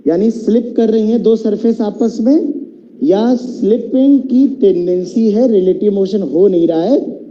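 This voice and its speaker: A man teaching physics to a class, quizzing the students and calling them children, slowing right down to dictate definitions. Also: sits high, dark tone, dull audio. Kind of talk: classroom lecture.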